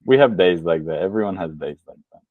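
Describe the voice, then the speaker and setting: A male podcast host asks friendly, encouraging questions in a casual chat. His voice is very low. The sound is dry and a little dull. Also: expressive, fast, dry recording.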